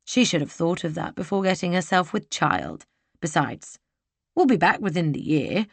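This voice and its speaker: A woman voicing a sly, mocking young gentleman villain for an audiobook. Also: on the low side, sing-song, moderate pace, slightly rough, dry recording, full character voice. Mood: smug. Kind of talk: audiobook character voice.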